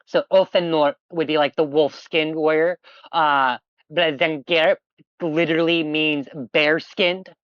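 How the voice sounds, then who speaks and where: Fairly even in intonation and unhurried, the mid-range voice sounds clean on a dry, lo-fi recording. A game master streaming a tabletop game explains a player's options in a rambling, casual, chatty way, padded with fillers.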